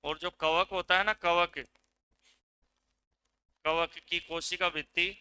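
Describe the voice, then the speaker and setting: Forceful man teaching a class. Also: sits high, flat delivery, takes it slowly, clean tone, low-quality recording. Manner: drills students with repeated questions and answers; gives dictation commands. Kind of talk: classroom lecture.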